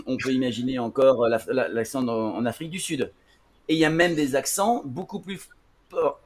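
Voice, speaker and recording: A man runs a televised English lesson at a middling pitch. He explains step by step, pausing often on fillers and restarting his sentences. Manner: hesitant, many fillers and restarts. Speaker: English teacher on a TV show. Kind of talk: classroom-style TV lesson.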